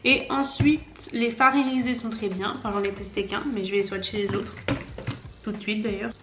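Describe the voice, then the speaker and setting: In a casual makeup tutorial, a chatty young woman in her twenties, a makeup vlogger, walks through each step as she goes. Her medium-pitched voice holds a steady tone at a moderate pace. There's background noise, an echoey room, and faint music behind her.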